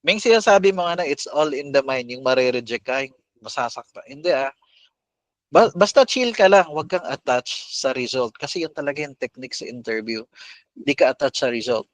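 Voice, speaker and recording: A man hosting a podcast, coaching listeners in a casual, animated mix of Tagalog and English. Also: medium pitch, no echo.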